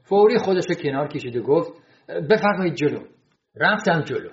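Male storyteller, roomy muffled sound. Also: on the high side. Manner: lively, expressive storytelling. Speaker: narrator. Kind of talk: storytelling reading.

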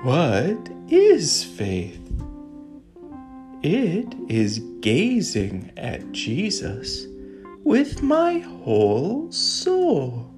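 A woman voicing a gentle sloth who hosts a bedtime story, speaking in a drawn-out, sing-song way over soft guitar music. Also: deep voice, wildly swooping pitch, pitched below the performer's own voice, full character voice. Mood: calm, soothing. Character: slow, gentle sloth host of bedtime stories. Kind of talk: soothing bedtime devotional talk. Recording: guitar music playing underneath.

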